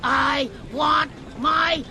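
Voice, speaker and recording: An actress playing a greedy, crazed older woman in an audio drama, with slow, drawn-out bellowing and a creaky voice. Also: high-pitched, fairly even intonation, a little hiss or hum, heavily acted. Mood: furious. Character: greedy, crazed old gambler woman with a shotgun. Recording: loud music under the voice.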